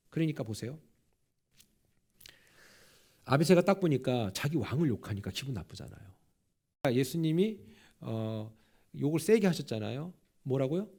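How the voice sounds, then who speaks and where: A male senior pastor preaching a sermon in a church, animated and conversational, often putting questions to the congregation. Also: mid-range voice. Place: church sanctuary.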